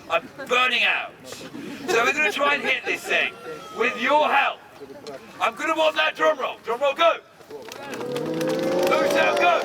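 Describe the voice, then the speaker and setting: A man putting on a lively outdoor show, throwing his voice high and loud as he jokes with the crowd. He sounds well away from the camera, and crowd chatter and street noise fill in behind him. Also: distant mic. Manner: theatrical, loud, joking crowd-work. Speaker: castle archery demonstrator. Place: outdoors at a castle among a crowd.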